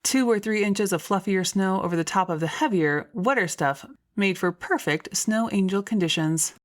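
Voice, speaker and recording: A woman's voice: medium pitch, moderate pace. A woman reading scripted first-person story narration as an audiobook narrator.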